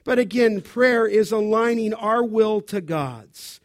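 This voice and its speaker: A pastor preaching an expository sermon, emphatic, pausing to let the congregation fill in key words. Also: male voice, high voice.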